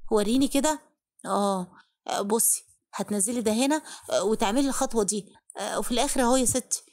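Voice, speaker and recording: A woman's voice: on the high side, quick pace, natural voice. A woman with an Egyptian accent voicing a kind, reassuring older sister in a spoken story. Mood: helpful. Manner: gentle, reassuring.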